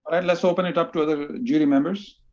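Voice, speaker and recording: A man moderating a pitch event, brisk and blunt in his questions. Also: fairly even intonation. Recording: dull lo-fi audio.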